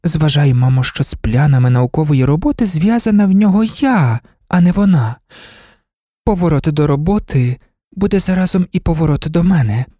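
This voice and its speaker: A woman voicing a proud, self-assured young daughter who talks things through coolly and calmly. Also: low-pitched, normal speed, no echo, studio quality, pitched above the performer's own voice. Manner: cool, composed, reasoning calmly.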